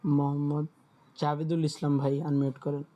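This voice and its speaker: Guy teaching online class over a call, patient, keeps checking in, kinda dark mellow voice, slightly high. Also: level tone, normal speed. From Bangladesh. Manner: patient, repeats words and checks in with listeners. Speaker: German teacher. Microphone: video call.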